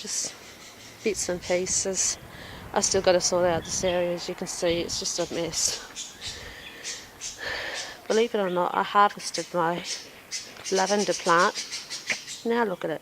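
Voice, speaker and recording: A woman's voice: mid-range voice, vocal fry, slight background noise. A woman giving a casual walkthrough of her backyard garden, chatty and self-deprecating, a little out of breath, recorded outdoors on a phone. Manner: chatty, self-deprecating, with frequent ums and laughs. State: slightly out of breath. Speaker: home gardener vlogger.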